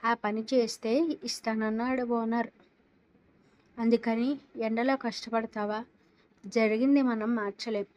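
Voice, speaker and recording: A woman's voice: a little high, fairly even intonation, a little slow, pauses often, a little mellow, no echo, lightly acted. A woman reading the lines of a worried grown son who soothes his mother anxiously. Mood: soothing.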